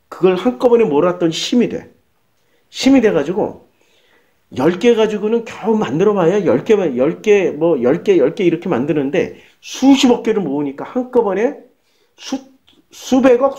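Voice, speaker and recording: A male pastor preaching a sermon in a lively, colloquial way, firing off rhetorical questions. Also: high-pitched. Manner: animated, colloquial, rhetorical questions, acts out prayers.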